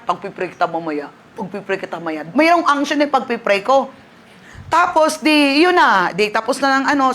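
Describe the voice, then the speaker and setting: Female Filipino pastor, animated testimony sermon, faint noise behind. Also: medium pitch. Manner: animated storytelling, switching between Tagalog and English.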